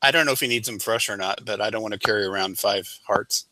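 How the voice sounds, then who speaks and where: A man's voice: lowish voice, fast, sharp tone, a little hiss or hum, poor audio. A man playing a tabletop game, talking casually with the others as a player.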